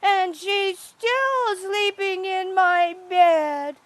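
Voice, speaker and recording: A woman doing a high wailing baby bear. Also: drawn-out words, no echo, exaggerated voice. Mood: upset. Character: small crying young male baby bear.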